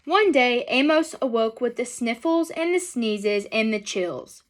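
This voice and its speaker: Indoors in a small furnished room at home, a young adult woman reads a picture book aloud with lots of expression. Her voice is on the high side, animated and a little slow, and she puts questions to the children in an instructional way.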